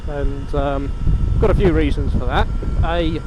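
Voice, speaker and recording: A man's voice: a little high, a little slow. A British man chatting casually and reflectively inside a helmet while riding a motorbike, as a vlogger thinking aloud. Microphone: microphone inside helmet. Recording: muffled helmet audio, loud wind and engine noise.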